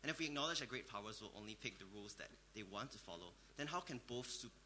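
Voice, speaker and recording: A man's voice: fairly low pitch, animated, fast, bright, forceful tone, a little hiss or hum. A man from Singapore asking an articulate, argumentative question from the audience at a panel.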